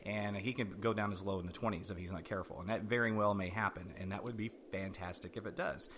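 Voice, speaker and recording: A man's voice: on the low side, steady tone, fast, fairly bright tone, a little hiss or hum. A man co-hosting a casual political podcast. He stammers and repeats words before he gets to his point. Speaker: podcast co-host.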